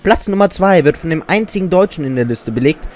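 A man with a slightly high voice delivers scripted countdown narration as the host. Music plays lightly behind him. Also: animated, fairly quick, a little mellow.

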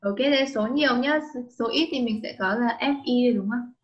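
A woman's voice: fairly high pitch, normal speed, lo-fi sound. A woman teaching English online with a Vietnamese accent, patiently dictating and spelling words letter by letter. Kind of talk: slow dictation lesson for a child.

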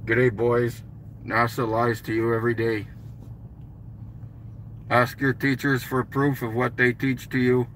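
Speaking in a totally flat, unhurried way with frequent pauses, this vlogger and street activist has a mid-range, slightly bright voice and a Canadian accent. He's middle-aged, sits in a parked or slow car amid vehicle noise, and the recording is low quality as he calls slogans to people outside.

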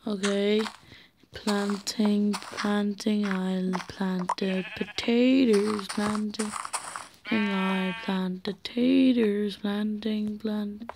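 Sleepy teen girl gaming, slow rambly chat, mumbles and sing-song bits, hissy clicky home mic. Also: medium pitch, fairly even intonation, vocal fry. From Ireland. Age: teenager. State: tired. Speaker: gamer. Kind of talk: casual gameplay commentary. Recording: noisy home recording with clicks.

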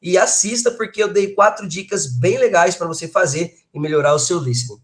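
A man's voice: sits high, a little fast, a bit bright. Chatty Brazilian man teaching live. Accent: Brazilian Portuguese. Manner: chatty and emphatic, constant tag questions to viewers. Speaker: English teacher. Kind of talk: casual live-stream lesson, reading viewer comments.

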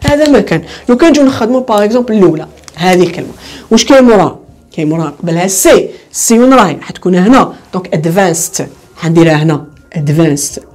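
Algerian woman tutor, quick delivery, drills points by repeating words, self-answering questions. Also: fairly low pitch, animated, darkish tone. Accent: Algerian Arabic. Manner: asks questions and answers them herself, repeating key words. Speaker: English tutor. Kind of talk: online lesson.

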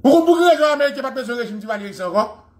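A man's voice: very high-pitched, lively intonation, racing, a little mellow. A man giving an impassioned history lecture, fervent and repeating phrases for emphasis.

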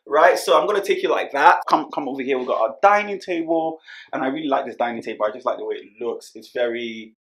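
Brief: twenties guy, playful and hyped, casual home-tour vlogger, mid-pitched voice. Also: fast, fairly bright tone. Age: 20s. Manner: playful, hyped, joking with the viewers. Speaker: vlogger giving a house tour. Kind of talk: casual chat.

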